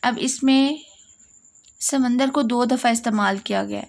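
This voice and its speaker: A woman's voice: a little high, gravelly. A woman with a Pakistani Urdu accent teaching a lesson, explaining step by step and repeating key points.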